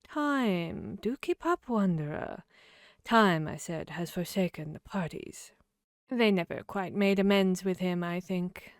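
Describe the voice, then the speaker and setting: A sly, grinning Wonderland cat, acted by a woman for an ASMR audio roleplay. The creature drawls very slowly, teasing and fickle, as if every sentence were a riddle. The sound is close and dry. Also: fairly low pitch, animated, no echo. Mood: coy, riddling. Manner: slow, playful, riddling drawl.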